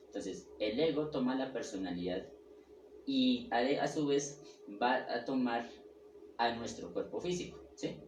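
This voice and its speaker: Heard from a distant mic in an echoey room with faint background noise, a man speaks in a medium-pitched, somewhat dark voice. He is a spiritual teacher lecturing on the ego and personality, stopping and starting, repeating words and frequently checking in with his audience.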